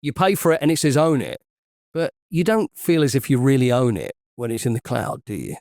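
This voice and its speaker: A man's voice: medium pitch, brisk, darkish tone, no echo, studio quality. A middle-aged man, co-hosting a casual podcast and telling rambling film anecdotes. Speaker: podcast co-host. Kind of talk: casual chat.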